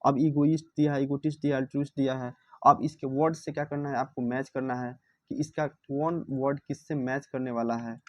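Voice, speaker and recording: A man teaches a vocabulary lesson, reading English lines from a book slowly and explaining them, often repeating words and asking himself questions. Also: medium pitch, fairly even intonation, dry recording. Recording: dull lo-fi dry recording.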